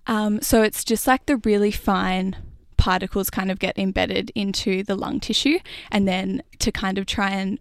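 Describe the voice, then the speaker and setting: A woman's voice: mid-range voice, steady tone, normal speed, few pauses, clear, resonant tone, dry recording, clean studio sound. A young woman researcher being interviewed, explaining things informally in plain words. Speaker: PhD researcher, interview guest.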